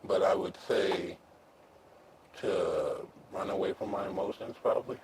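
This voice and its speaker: Disguised deep voice, altered man in his 30s, super low and gravelly, halting candid answers, loud noisy recording. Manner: candid, halting, with fillers and restarts. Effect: voice altered and pitched down to disguise him. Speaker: anonymous interviewee.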